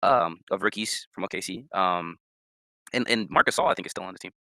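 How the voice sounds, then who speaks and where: Fast-talking young man, bright dry voice. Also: dry recording. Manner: rambling, repeats words, pitch jumps when emphatic. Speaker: podcast co-host. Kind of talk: casual sports chat.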